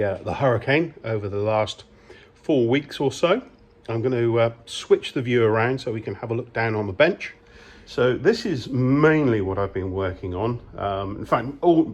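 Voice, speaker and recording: A man's voice: mid-range voice, darkish tone, breathy edge. A man giving a casual video update from his workbench on his model kits, talking hesitantly with many ums and restarts. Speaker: model kit maker. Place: workbench in a workshop.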